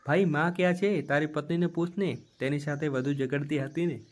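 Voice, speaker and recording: Guy doing an angry sister, accusing, voice pushed up high and loud. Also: fairly even intonation, a little fast, natural voice. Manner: sharp, accusing. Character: angry young woman, sister accusing her brother's wife.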